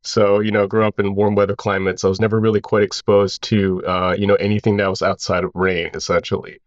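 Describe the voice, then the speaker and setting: A man in his thirties with a fairly low voice tells his story as a guest. His talk is relaxed and rambling, full of fillers. The sound is dry and a bit dull, with a narrow band. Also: a little fast, dry recording. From Hawaii. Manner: relaxed and rambling, with many "you know" fillers. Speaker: founder of a clothing brand, guest. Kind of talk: casual interview storytelling.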